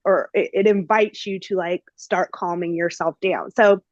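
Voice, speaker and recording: A woman's voice: fairly low pitch, fairly even intonation, measured pace, a little mellow, dry recording, lo-fi sound. A woman hosting a podcast, telling a story in a casual, chatty way with lots of fillers. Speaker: podcast host.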